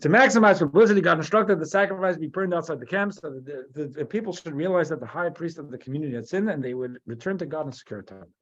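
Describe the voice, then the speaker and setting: A New Jersey rabbi teaching a Torah class speaks in a fairly high, slightly bright voice, racing along with few pauses. He still halts often, restarting and repeating words as he thinks out loud. The recording sounds dull and lo-fi.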